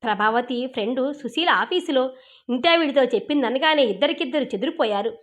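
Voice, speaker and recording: Female storyteller, high voice, even and expressive storybook reading. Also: brisk. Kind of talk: storybook narration.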